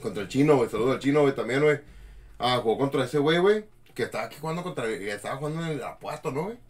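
Fast-talking guy telling a story. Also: mid-range voice. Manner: slangy, animated storytelling. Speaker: podcast co-host. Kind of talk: casual chat.

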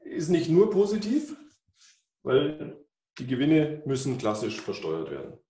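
A man's voice: a little high, huge pitch swings, a little slow, mellow. A man in his fifties, a financial advisor presenting at a whiteboard in an office, explaining with many fillers and restarts. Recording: echoey office, mic far off.

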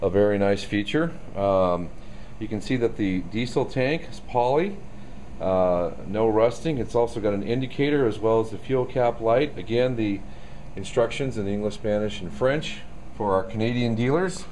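A man's voice: lowish voice, moderate pace, darkish tone, a little hiss or hum. A man giving a casual product walkaround demo of a machine in a store showroom, talking loosely with many ums and uhs. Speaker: equipment salesman.

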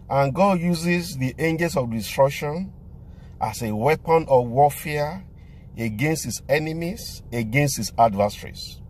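A man's voice: fairly high pitch, darkish tone, a little hiss or hum. A man, a pastor preaching and praying with emphatic, repeated declarations, recorded on a phone inside a car. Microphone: phone camera at arm's length.

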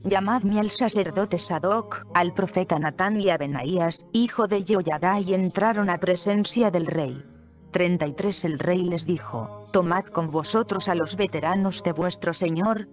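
Scripture reader, measured and steady, announces verse numbers, slightly muffled audio with soft music bed. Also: medium pitch. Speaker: Bible reader. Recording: dull recording with faint music behind.

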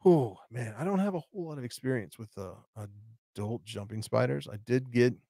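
A man's voice: mid-range voice, a little fast, creaky, dark tone, dry recording, clean studio sound. A man hosting a live stream, casually rambling through viewer questions with lots of fillers and restarts. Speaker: tarantula channel host.

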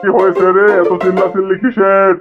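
A man's voice: high-pitched, completely flat delivery, fairly quick, natural voice. A man playing an exasperated schoolteacher who lectures a parent about a rude boy, in a cartoon. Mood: indignant. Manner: indignant, lecturing. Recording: tinny phone-like audio with music.

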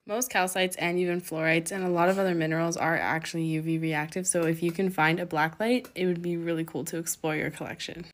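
A young woman with a slightly low voice narrates in a casual, chatty way as she packs orders for her shop. She runs through items one after another in an upbeat tone. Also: fairly even intonation, a little fast, hardly any pauses. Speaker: crystal shop owner.

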